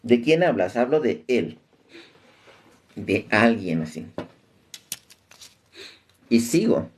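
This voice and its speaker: A man's voice: mid-range voice, big pitch swings, slow, a little hiss or hum. A man giving an informal Bible teaching talk, thinking aloud with fillers and restarts and speaking straight to his listeners. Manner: addresses listeners directly.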